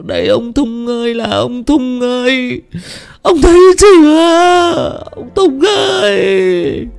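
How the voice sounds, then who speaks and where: A man's voice: very high voice, takes it slowly, creaky, smooth, faint music behind, voice pushed up, exaggerated voice. A man voicing a village woman wailing in grief over her dead nephew, crying and drawn out.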